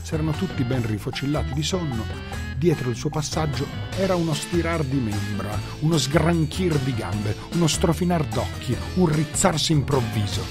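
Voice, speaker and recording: A man reading a children's story aloud in a lively, theatrical storytelling manner. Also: medium pitch. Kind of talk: scripted story narration. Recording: music bed under narration.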